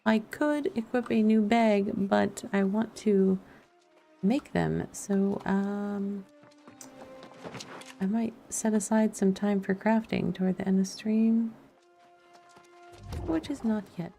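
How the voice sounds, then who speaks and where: A woman with a medium-pitched, steady voice talks slowly with vocal fry and frequent pauses. She's a game streamer doing casual let's-play commentary, thinking aloud to herself, with soft music faintly behind her.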